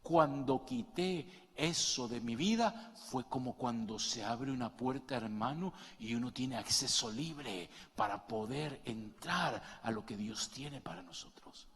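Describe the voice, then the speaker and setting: A middle-aged man preaching a sermon, moving between quiet asides and loud, passionate peaks as he calls his listeners brother. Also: medium pitch, unhurried, few pauses, husky. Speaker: pastor. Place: church hall. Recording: long reverb of a large hall.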